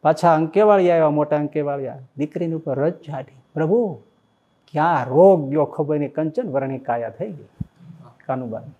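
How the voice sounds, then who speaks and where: A man, a swami, giving a devotional sermon that he tells as a story, with animated and emotional exclamations. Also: on the high side, normal speed, dull audio. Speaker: swami preaching.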